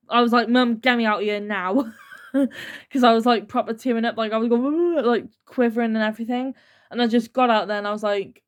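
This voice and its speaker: Chatty young woman vlogging. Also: mid-range voice. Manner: chatty, filler-heavy storytelling. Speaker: YouTuber. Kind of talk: casual chat to camera.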